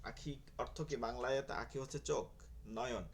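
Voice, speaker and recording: A man's voice: mid-range voice, unhurried, slight background noise. A man teaching an online Quran pronunciation class, patiently repeating sounds and checking in with his students. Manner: patient, repeats letters and asks "okay?" often.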